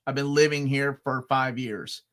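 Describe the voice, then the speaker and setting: This host, a man from Peru and the United States, speaks with a light Midwestern American accent at a medium pitch and a slightly slow pace. He's an excitable, animated storyteller who laughs a lot while telling stories in a casual live-stream chat.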